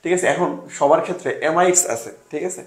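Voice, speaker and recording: A young man from Bangladesh runs a casual exam-prep class, his voice sitting a little high. He keeps asking questions and answering them himself, slipping English words in as he goes. The room around him gives off a clear echo. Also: fairly even intonation, fast talker. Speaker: admission test tutor.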